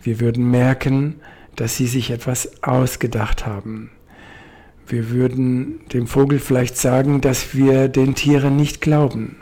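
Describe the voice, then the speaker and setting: Man, preacher, radio devotion, slow, husky, gentle measured telling. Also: medium pitch, flat delivery. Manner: gentle, measured, addresses listeners.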